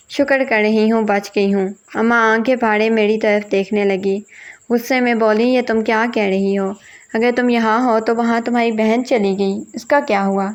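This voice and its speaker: A woman reading a first-person family drama aloud, voicing every character in her own voice. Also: fairly high pitch. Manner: reads all parts in one voice, quoting family members plainly. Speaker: story narrator. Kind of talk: first-person storybook narration.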